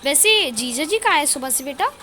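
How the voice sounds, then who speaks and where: A woman voicing a gentle young aunt who pleads softly and tearfully. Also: sits high, animated, moderate pace, soft background music. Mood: kind. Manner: soft, pleading.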